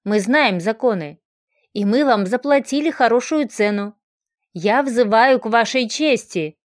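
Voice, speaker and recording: A woman's voice: a little high, expressive, unhurried, no room sound, clean studio sound. Woman reading an indignant pilgrim husband. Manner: indignant, insistent.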